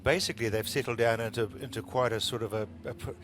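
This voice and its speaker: A man's voice: medium pitch, steady tone, fast talker, fairly bright tone, slight background noise. Conversational male New motorsport commentator. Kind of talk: live motor racing commentary.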